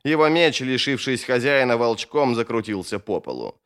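A man's voice: medium pitch, animated, moderate pace, a bit bright, clean tone. A man reading a fantasy audiobook aloud, narrating dramatically and raising his voice in tense moments.

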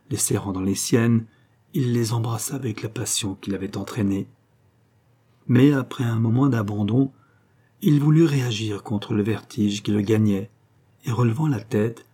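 A man narrating a classic novel as an audiobook, with a measured, expressive reading. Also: fairly low pitch, husky.

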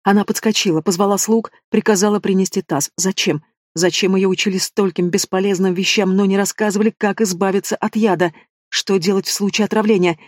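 A man narrating a fantasy audiobook with a steady, expressive reading. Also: sits high, brisk, no room sound, clean studio sound. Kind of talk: scripted narration.

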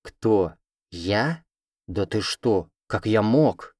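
A man's voice: lowish voice, brisk, a little mellow, no room sound, clean studio sound, natural voice. A man voicing a mischievous giant male spirit cat who teases and plays innocent, in an audiobook. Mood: mock innocent. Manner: teasing, playful, feigning innocence. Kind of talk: audiobook character voice.

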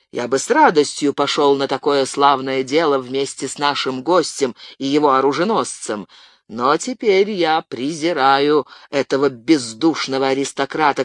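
A man's voice: mid-range voice, fairly bright tone, dry recording, natural voice. A stern, brooding townsman speaks with clipped force, his voice dry and close-miked. A man reads him in a storybook reading. He sounds proud and bitter. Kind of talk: audiobook character voice.

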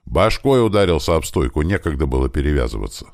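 A man's voice: very deep voice, very animated, fast talker, darkish tone, dry recording, clean studio sound, exaggerated voice. A man reading an audiobook, voicing a wounded young male driver who sounds agitated and pleading.

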